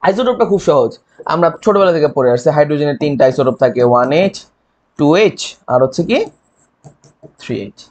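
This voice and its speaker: A man's voice: on the high side, animated, quick pace, darkish tone, highs cut off. A young man with a Bangladeshi Bengali accent teaching chemistry exam prep, quizzing students with rhetorical questions and mnemonics and checking in often. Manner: frequent "ঠিক আছে?" check-ins. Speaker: chemistry tutor. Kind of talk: online exam-prep lecture.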